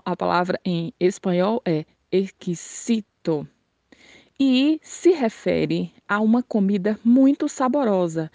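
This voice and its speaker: Brief: female language teacher, warm dark tone, dry close sound, friendly and clear. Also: medium pitch, dry recording. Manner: slow, careful model pronunciations; friendly, addresses viewers directly. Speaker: Spanish teacher. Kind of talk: casual video lesson.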